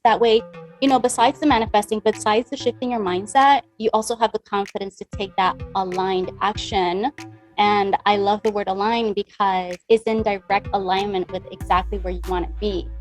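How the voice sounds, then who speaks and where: A Dominican woman who coaches people on money mindset talks a little fast as an interview guest, with soft music playing behind her. Her medium-pitched voice is a bit mellow, and she's cheerful and chatty, reenacting conversations from her past.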